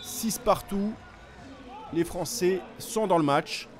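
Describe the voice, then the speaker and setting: A man giving excited sports commentary, calling the play as it happens with urgency on each attack. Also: high voice, slow, soft background music.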